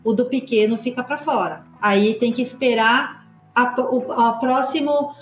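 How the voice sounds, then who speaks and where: A woman, a partner at a customs consultancy, explaining points quickly and emphatically on a podcast. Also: a little high, reverberant, faint music behind. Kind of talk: podcast discussion.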